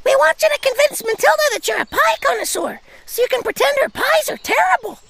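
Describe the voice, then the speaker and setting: Squeaky, gravelly cartoon animal. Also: female voice, big pitch swings, a little fast, fairly bright tone, no echo, heavily acted. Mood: eager. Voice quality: very high and gravelly. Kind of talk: cartoon voice acting.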